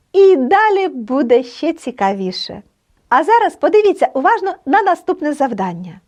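A woman teaching an online language lesson, encouraging and pronouncing example words slowly and carefully. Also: high-pitched, a little mellow.

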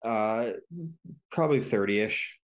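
A man running a tabletop game as game master, giving measured rulings. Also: on the low side, smooth.

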